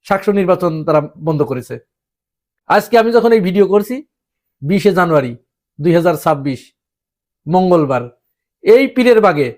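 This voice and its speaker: A man's voice: high-pitched, a little mellow. A man delivering an emphatic opinion monologue on current events, asking the audience rhetorical questions. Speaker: political commentator.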